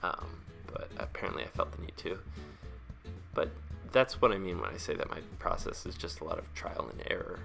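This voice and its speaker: A man with a low voice that frays into gravelly vocal fry as his phrases end. He rambles casually through a speedpaint voice-over, thinking aloud in a hesitant, self-deprecating way. Faint music plays behind him. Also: lively intonation, brisk, fairly bright tone. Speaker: webcomic artist and video creator.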